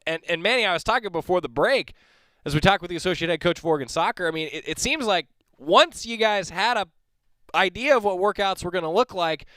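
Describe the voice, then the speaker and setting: A man hosting a sports radio show from a studio, talking in a loose, rambling way with small jokes and restarts. His voice sits a little high and comes through smooth and resonant. The studio sound is dry. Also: fairly bright tone, no room sound. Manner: rambling, self-correcting, joking. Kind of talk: casual interview chat. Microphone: studio mic.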